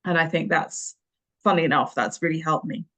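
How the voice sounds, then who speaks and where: Here a Nairobi-born woman in her fifties, who went to boarding school in England, talks as an interview guest about her working life as an English teacher and tutor. Her low voice moves fairly quickly with fairly even intonation, sounding pushed and bright, and her conversational reminiscence mixes hesitant phrasing with emphatic words.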